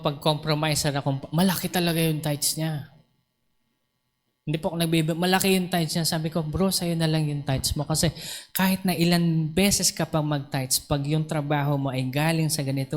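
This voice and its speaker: A pastor with a high-pitched voice preaches to his congregation and acts out both sides of the conversations he retells. His voice rings through a church hall with long reverb. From Philippines. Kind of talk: Taglish sermon with storytelling. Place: church sanctuary.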